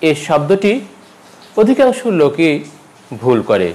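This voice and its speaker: A man giving a pronunciation lesson, repeating each word slowly and carefully, with a rise in pitch at every new word. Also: poor audio. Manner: lively teacherly stress, rises at each new word. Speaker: language teacher.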